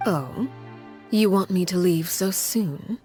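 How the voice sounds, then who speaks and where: A woman voicing Arlecchino, a cold, composed leader of a household of orphans, who speaks in a measured, formal and quietly menacing way. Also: on the low side, loud music behind the voice. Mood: gracious. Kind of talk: game cutscene voice acting.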